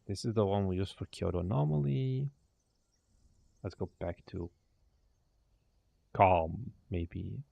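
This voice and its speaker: Warm and low, with vocal fry and long pauses, the voice of this young man is expressive yet takes its time, and there's no echo. A native Dutch speaker and indie game developer, he thinks aloud on a casual stream, muttering to himself, tailing off and sometimes swearing.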